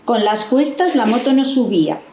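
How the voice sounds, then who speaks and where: Woman reading as a novelist's wife, playful teasing, mellow tone, echoing hall. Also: on the high side, expressive, moderate pace, slight background noise. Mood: teasing, fond. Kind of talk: staged reading in a stage tribute. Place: university auditorium. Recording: roomy hall echo.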